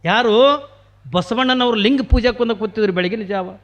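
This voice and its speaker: A man's voice: high voice, a little slow, dull audio. A man telling a devotional story as a purana preacher, sing-song and full of rhetorical questions.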